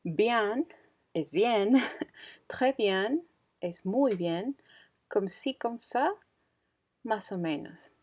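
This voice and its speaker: Woman in her thirties, very slow hesitant teacher, muffled lo-fi sound. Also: medium pitch, expressive, husky. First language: Spanish. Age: 30s. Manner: hesitant, many fillers and self-corrections. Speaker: French teacher. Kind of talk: slow beginner language lesson. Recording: dull lo-fi audio.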